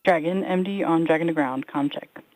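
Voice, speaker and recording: A woman with a fairly low voice talks over astronaut radio. She works as a launch controller, making formal, procedural comm check calls. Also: moderate pace, a little mellow, a little hiss or hum, rough recording. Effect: radio transmission. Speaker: launch mission director on comms.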